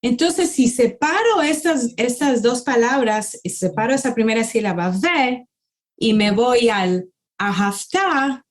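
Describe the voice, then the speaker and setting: A woman teaching a conversational language lesson, explaining step by step and slowing down to sound out words. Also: on the high side, animated. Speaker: Hebrew teacher.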